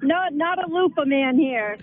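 A woman's voice: high-pitched, animated, normal speed, no echo. A woman calling in to a radio show over a tinny, headset-like phone line, chatting casually with a giggly, sheepish manner. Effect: phone call heard through a tinny, headset-like phone line. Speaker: radio call-in caller. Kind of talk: casual call-in chat.

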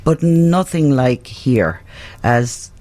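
A woman's voice: a bass voice, expressive, drawn-out words, dark tone. A middle-aged woman with a west of Ireland accent, chatting casually as a guest in an interview. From Galway, west of Ireland. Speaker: radio guest, restaurant owner.

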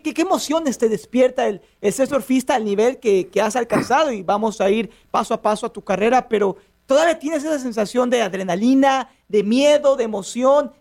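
A man's voice: extremely high pitch, gravelly, darkish tone. A man hosting a radio interview show from a studio, with an upbeat, announcer-like delivery.

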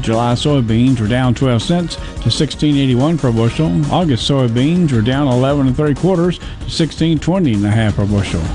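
A man reading a scripted radio market report, reeling off figures in a formulaic way. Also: mid-range voice. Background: faint music.

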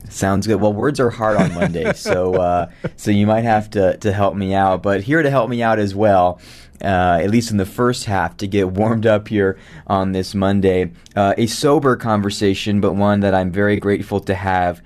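A man hosts a live radio talk show from a studio, chatting in a friendly, conversational way with the odd filler word. His voice is fairly low and darkish, at a normal speed, picked up by a studio microphone.

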